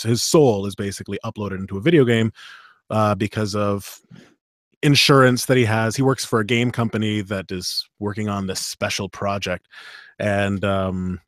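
A man's voice: fairly low pitch, no room sound, clean studio sound. A man hosting a live show, chatting casually and animatedly with fillers and laughs. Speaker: host and audiobook narrator.

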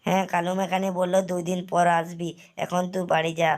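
A woman's voice: fairly low pitch, flat delivery, fast, a little mellow. A woman narrating a first-person game story in a rambling, repetitive way, speaking straight to viewers. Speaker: gaming channel narrator.

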